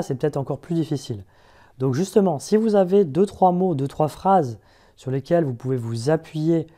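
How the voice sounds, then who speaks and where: A man's voice: a little high, warm tone. A man from France working as a recruiter, giving direct, chatty job interview advice straight to his viewers in a casual video.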